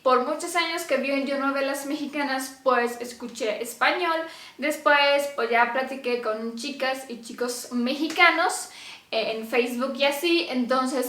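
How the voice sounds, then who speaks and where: A young Romanian woman with a high, fairly bright voice vlogs to the camera in Spanish, chatting casually and laughing often. The recording sounds like it was made in an echoey room.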